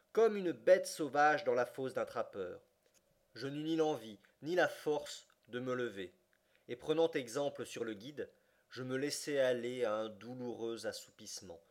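A man narrating a classic adventure novel as an audiobook, with an expressive reading that climbs high for excited passages. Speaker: audiobook reader.

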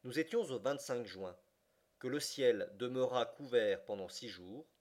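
A man reads a classic adventure novel aloud for an audiobook, at an ordinary middle pitch. His narration is expressive and lifts sharply when the story grows excited. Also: measured pace. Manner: expressive reading that rises sharply for excited passages. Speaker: audiobook reader.

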